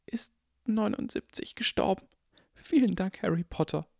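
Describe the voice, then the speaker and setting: A man voicing a tearful, gushing old woman in a trilling high voice in an audiobook. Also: moderate pace, gravelly, no echo, clean studio sound. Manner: high trilling voice, soft and teary.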